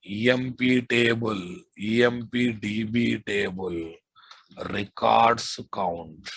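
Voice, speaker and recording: Husky Telugu-accented man teaching code. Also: lowish voice, steady tone, slow pace, a bit bright, no echo. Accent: Telugu Indian. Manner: repeats phrases, informal asides to students. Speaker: programming instructor. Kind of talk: live coding lesson, dictating code.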